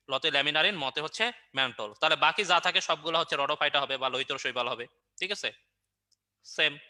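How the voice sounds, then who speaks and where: A man runs an online review class, firing quick questions at his students and answering them himself with jokey memory tricks. His voice sits fairly high and sounds very bright and sharp. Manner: playful and joking. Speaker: online biology teacher.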